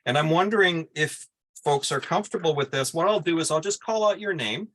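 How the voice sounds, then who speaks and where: A man hosting an online reading event over a video call, gently calling on speakers one by one. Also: fairly high pitch, brisk. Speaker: event host.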